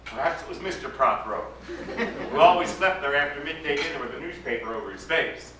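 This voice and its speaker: With a crowd audible behind him, a male actor reads a storybook aloud in a fairly quick, high voice full of lively intonation, dwelling dramatically on certain phrases. The audio has the spacious echo of a live room, a distant mic, and faint noise.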